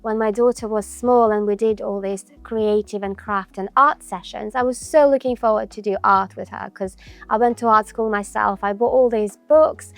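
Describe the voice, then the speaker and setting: A woman guest on a podcast interview, gently advising parents in calm, explaining talk. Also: medium pitch, normal speed, no room sound.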